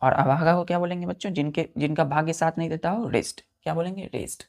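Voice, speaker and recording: A man teaching vocabulary, spelling each word letter by letter, counting aloud and repeating key words slowly for his students. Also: fairly high pitch, gravelly. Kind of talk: vocabulary lesson.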